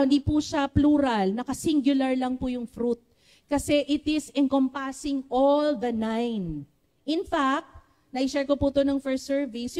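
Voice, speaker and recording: A woman with a Filipino accent preaching a sermon to a church congregation, with a naturally loud voice, often calling on the congregation to respond. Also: high-pitched. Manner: switches between Tagalog and English, asks the congregation for responses.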